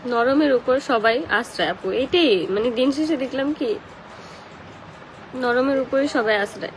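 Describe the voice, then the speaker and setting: Tearful, high-pitched young Bangladeshi woman, crying. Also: unhurried, slight background noise, poor audio. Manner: tearful, emotional, crying talk. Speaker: live streamer who does paid promotions. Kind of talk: casual live chat, reading and answering comments.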